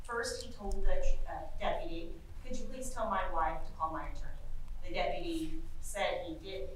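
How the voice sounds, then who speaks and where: A woman's voice: lowish voice, normal speed. Very echoey woman lawyer arguing in court. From Indiana. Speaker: defense attorney. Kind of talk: oral argument before judges. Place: large echoing courtroom, away from mic. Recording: very echoey room, distant mic, faint noise.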